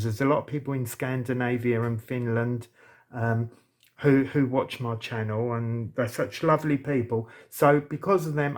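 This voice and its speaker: A man hosting a casual crafting tutorial, chatty and thinking aloud as he works. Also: medium pitch. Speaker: crafting channel host.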